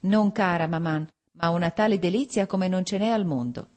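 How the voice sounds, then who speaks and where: A woman reading the part of a spirited young married woman, quick and a little irritable. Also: fairly low pitch, a little mellow, natural voice.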